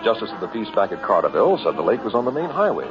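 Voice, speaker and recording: An actor playing a confident, teasing new husband in an early 1960s radio drama, on a muffled old recording with music behind. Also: male voice, on the low side, very animated, very fast. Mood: breezy, reassuring. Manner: teasing, reassuring. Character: breezy, confident new husband driving his bride.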